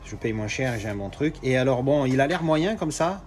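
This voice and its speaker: A man's voice: medium pitch, animated, brisk. Chatty man unboxing discs. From Marseille, France. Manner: chatty, many fillers and restarts, swears casually. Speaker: collector doing unboxings. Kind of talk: casual unboxing commentary.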